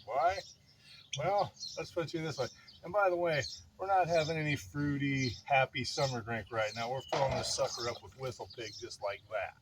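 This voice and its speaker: A man's voice: mid-range voice, moderate pace. Breathless older man, rambling and wry. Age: older, grandfather. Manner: rambling, wry, self-deprecating, mock-dramatic. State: somewhat breathless. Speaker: vlogger telling a personal story. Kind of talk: casual fireside chat monologue. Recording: outdoor noise with chirping birds.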